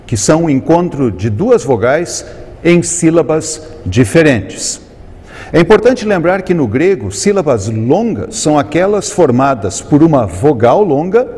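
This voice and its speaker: A man with a Brazilian Portuguese accent teaching Greek in a recorded lesson, explaining terms slowly and carefully and drawing out each Greek word. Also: fairly high pitch, dark tone, husky. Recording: long reverb on the voice.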